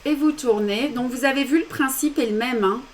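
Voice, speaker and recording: A woman's voice: sits high, fairly quick, slight background noise. A woman with a French accent giving step-by-step embroidery instructions during a live demonstration, with small self-deprecating asides. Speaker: embroidery teacher.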